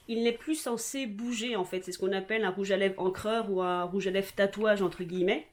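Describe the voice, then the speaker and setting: A French woman with a French accent, chatting casually through a shopping haul, rambling with many hesitations and restarts. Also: fairly high pitch. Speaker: vlogger.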